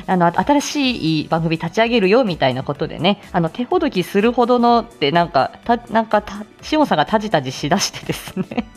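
Hosting a casual live audio show, a woman chats with and greets her listeners, laughing often as she talks. Her voice sits at medium pitch with a darkish tone.

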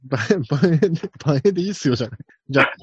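Man, podcast host, casual chat, quick animated talk, husky voice, dry dull recording. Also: mid-range voice, dry recording. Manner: animated and fast, laughs at his own jokes. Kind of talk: casual chat about horse racing picks.

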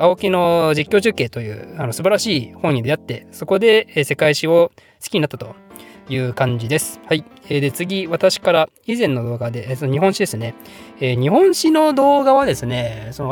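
A Japanese man hosting a history channel, answering viewer questions in a rambling, self-deprecating way with frequent laughter; his voice is slightly pitched up in editing. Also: big pitch swings, moderate pace, soft background music. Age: adult, working. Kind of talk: casual Q&A monologue.

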